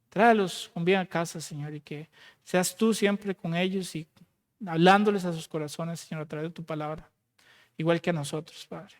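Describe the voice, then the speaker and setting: A man with a fairly high voice leads a closing prayer in a church hall. He prays fervently, ending phrase after phrase with "Lord" and letting it fall away softly. The sound carries a long hall reverb. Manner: fervent praying, repeating "Lord" at each phrase end and trailing off softly. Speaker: preacher.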